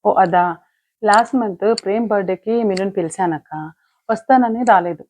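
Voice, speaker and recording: A woman's voice: mid-range voice, fairly quick, darkish tone, a little hiss or hum, close to an everyday voice. A woman playing a stubborn grudge-holding mother. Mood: defensive. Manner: defensive, justifying herself. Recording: dull lo-fi, dry.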